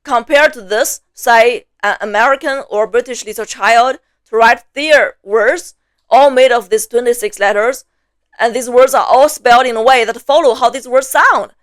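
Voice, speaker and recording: A woman's voice: on the high side, moderate pace. A woman with a Mandarin Chinese accent gives a patient, methodical lesson on her native language. She lists examples one after another and sounds out each tone. The sound is close and dry, with no room echo. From mainland China. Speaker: Mandarin teacher. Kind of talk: explanatory lesson to camera.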